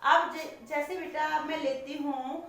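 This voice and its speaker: A woman teaching young children in a classroom lesson, slow and patient. She repeats each question and answers it herself. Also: sits high, steady tone, a bit bright. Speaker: primary school teacher. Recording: very echoey room, voice from far off.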